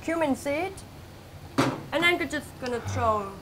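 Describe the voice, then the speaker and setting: A woman's voice: high voice, expressive, measured pace, background noise. A young woman chef, explaining ingredients in simple, upbeat English on a cooking show, recorded on a camera mic with music behind. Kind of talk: casual cooking-show chat.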